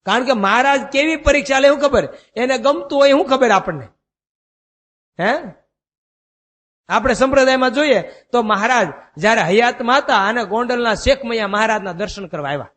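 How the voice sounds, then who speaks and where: A man preaching a devotional sermon, chanting verses slowly and telling stories in a folksy way. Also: sits high, fairly bright tone. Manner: chants verses slowly, then explains in a folksy storytelling manner. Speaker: swami preacher. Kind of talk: Gujarati devotional sermon with storytelling. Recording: long hall reverb.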